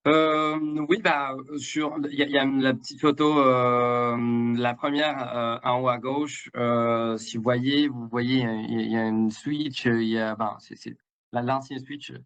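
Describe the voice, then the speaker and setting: At medium pitch and fairly even, this man speaks unhurriedly in a clear, resonant, slightly bright voice, though the highs are cut off. A native Spanish speaker from Mexico with a Mexican accent mixed with Québécois, he guests in a live interview as an international development director, hesitant and prone to fillers and repeated words.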